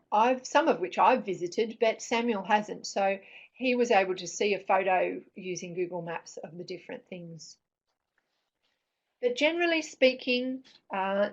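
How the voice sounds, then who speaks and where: A middle-aged woman speaks at an average pitch as she presents informally. Her phrasing is thoughtful and hesitant, with frequent pauses and restarts as she explains. The recording is dull and somewhat lo-fi. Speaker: presenter on parents reading with children. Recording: dull, lo-fi sound.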